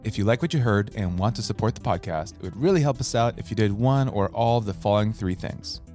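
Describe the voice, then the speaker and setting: A man's voice: fairly low pitch, animated, fast, darkish tone, soft background music. A man co-hosting a podcast, friendly as he reads the closing disclaimer. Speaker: podcast co-host. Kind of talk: podcast outro.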